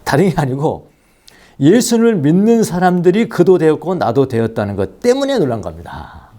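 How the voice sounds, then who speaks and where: A man's voice: on the high side, dark tone. A middle-aged man preaching a Sunday sermon in a church, telling stories with chuckles and repeating key phrases. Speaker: pastor. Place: church sanctuary.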